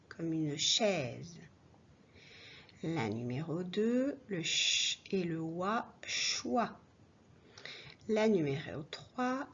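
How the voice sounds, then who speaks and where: A woman teacher leads a slow, patient reading lesson for small children. Her voice is soft and a little husky. The recording sounds dull and lo-fi, like a home mic. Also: mid-range voice. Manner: slow, clear, patient, addressing a child directly. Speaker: primary school teacher.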